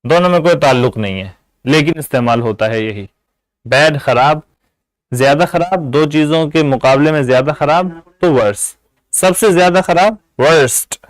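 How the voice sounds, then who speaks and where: A man giving an English grammar lesson, explaining patiently in Urdu-flavoured Hindi and repeating example words slowly. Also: fairly high pitch, dry recording, low-quality recording. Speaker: English teacher.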